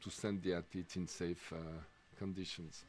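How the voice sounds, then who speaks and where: A middle-aged Swiss man with a French accent giving live commentary on a race, halting and full of fillers. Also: low voice, little pitch movement. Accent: French-speaking Swiss. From Switzerland. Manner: halting, many fillers and restarts.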